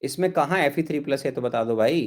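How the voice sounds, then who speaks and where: A man's voice: mid-range voice, fast. A middle-aged man teaching chemistry in a live online class, scolding students over their chat messages in an exasperated, repetitive way. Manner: scolding, exasperated, repeats insults.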